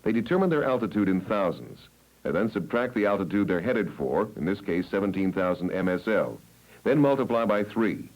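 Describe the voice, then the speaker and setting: The narrator of this 1970s training film is an American man whose lowish, darkish voice has a sing-song quality as he reads the script in a measured, instructional manner. The recording quality is low.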